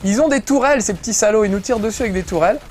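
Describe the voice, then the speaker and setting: A man's voice: high-pitched, very fast, darkish tone. Chatty, joking male game commentator. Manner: chatty, joking, swears casually. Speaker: host playing a video game. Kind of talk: gameplay commentary.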